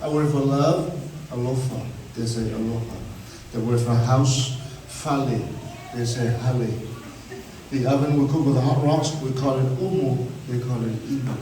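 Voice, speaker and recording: A man's voice: mid-range voice, steady tone, normal speed. A man from Samoa hosting a cultural show, playful and teasing, laughing at his own jokes and leading the crowd in call-and-response. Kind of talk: joking live show presentation. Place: live show venue. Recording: echoey, distant, with noisy ambience.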